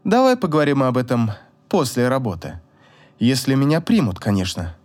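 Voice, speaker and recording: A man voicing an eager young woman in an audiobook, breathless with excitement. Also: mid-range voice, moderate pace, natural voice. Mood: flustered. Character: young woman heroine, eager and wide-eyed.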